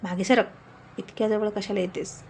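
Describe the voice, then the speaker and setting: A woman's voice: mid-range voice, steady tone, moderate pace, vocal fry, darkish tone, a little hiss or hum, close to an everyday voice. A woman voicing flustered shy young man. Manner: flustered and complaining.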